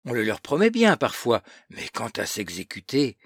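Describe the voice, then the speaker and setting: A man's voice: mid-range voice, wildly swooping pitch, normal speed, slightly rough, dry recording, studio quality. A man voicing a smug, cocky teenage schoolboy with a boastful, scornful manner in an audiobook reading.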